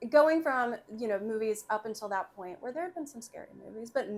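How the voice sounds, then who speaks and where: A woman who is a guest on a podcast, chatting in a lively way and laughing often. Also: fairly high pitch, brisk. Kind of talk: casual podcast chat.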